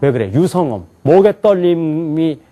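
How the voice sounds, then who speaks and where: Animated man lecturing a class. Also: fairly high pitch, unhurried, dull audio. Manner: animated, asks the class questions and laughs often. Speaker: English teacher at an alternative school. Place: classroom with students.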